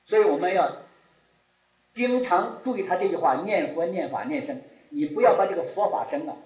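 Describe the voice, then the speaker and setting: A man gives a Buddhist sermon in a fairly high voice that swings widely in pitch. He comes back to the same phrases again and again. The room adds a clear echo. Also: animated, normal speed, a little mellow. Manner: rises and drops sharply, repeats key phrases. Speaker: Buddhist teacher. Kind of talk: Buddhist dharma talk.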